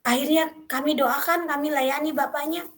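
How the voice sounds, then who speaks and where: A middle-aged woman, preaching a devotional sermon and telling a story, quoting people in lively voices. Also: high-pitched, normal speed.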